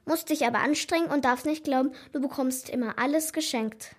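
A woman's voice: sits high, brisk, natural voice. A woman voicing a stern male schoolteacher who lectures matter-of-factly in a storybook reading. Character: stern male schoolteacher handing back grades.

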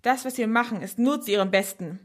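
A woman's voice: fairly high pitch, quick pace, close to an everyday voice. A woman voicing a bitter, angry man who hisses and snaps threats. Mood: menacing. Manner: hissing, snapping. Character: angry man, bitter former stage designer.

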